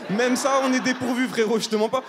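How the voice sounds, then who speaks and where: A young man from southern France performs stand-up, brash and chatty, ribbing the crowd. He talks fast in a high voice, and a long hall reverb hangs behind him with faint room ambience. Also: steady tone, background noise. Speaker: stand-up comedian. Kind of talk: stand-up comedy set. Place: large live comedy hall, audience of 800.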